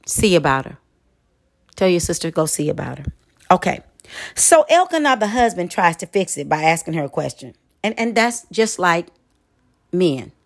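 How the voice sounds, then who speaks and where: A woman preaching a sermon in an expressive, conversational way, with dramatic asides. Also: lowish voice, normal speed.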